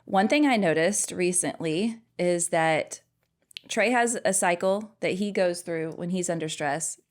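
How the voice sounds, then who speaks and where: Chatty woman, relaxed podcast talk. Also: lowish voice, measured pace. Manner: chatty, laughs often, rambling asides. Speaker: podcast co-host. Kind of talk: casual chat with her husband.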